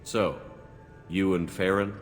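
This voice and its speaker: A man playing a steadfast military commander in a video game cutscene, calm and wry with a plain, understated delivery. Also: low voice, takes it slowly. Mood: playful, flirting. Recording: long hall reverb, music behind.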